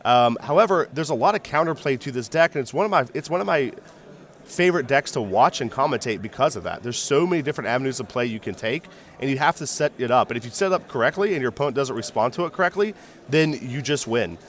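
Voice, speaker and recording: Animated guy hosting a card game stream, mid-pitch, lots of swoop in his voice, jokey and chatty with chat. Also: quick pace. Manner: chatty, greets and reads chat aloud, jokey. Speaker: stream commentator and host. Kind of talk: live card game commentary.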